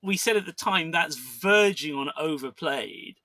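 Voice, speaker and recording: Bright-voiced man rambling about films. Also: on the high side, animated, measured pace. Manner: rambling, many restarts and fillers. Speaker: podcast co-host. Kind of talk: casual film discussion.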